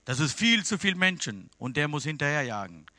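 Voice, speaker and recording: A man preaching a sermon to a congregation in with broken grammar, earnest, swinging between loud urging and quiet pleading. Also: a little high, sing-song, a little fast, dry recording.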